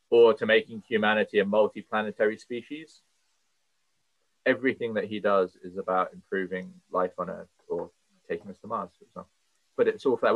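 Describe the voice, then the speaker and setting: With a voice on the low side, a man speaks earnestly and passionately as a guest on a podcast, filling pauses while he thinks aloud in conversation. The line is tinny and phone-like, dry, with no room sound.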